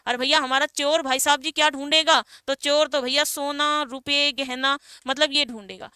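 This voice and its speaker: A woman's voice: high voice, pushed and bright, clear, resonant tone, dry recording, studio quality. A woman teaching an exam-prep class, explaining with rhetorical questions and calling her students beta and bhai. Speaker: Hindi teacher.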